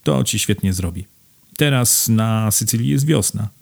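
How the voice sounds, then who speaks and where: A man's voice: lowish voice, animated, unhurried, creaky, darkish tone. A man reading aloud and voicing a passionate young woman who begs her friend with rising emotion. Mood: persuasive. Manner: imploring, emotional.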